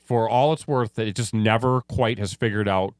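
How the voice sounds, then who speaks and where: A man's voice: on the low side, fairly even intonation, normal speed, clean tone, no room sound, studio quality. A man co-hosting a TV podcast, chatting casually and offering opinions with frequent restarts. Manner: conversational, trails off and restarts, opinionated. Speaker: podcast co-host. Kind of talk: casual chat.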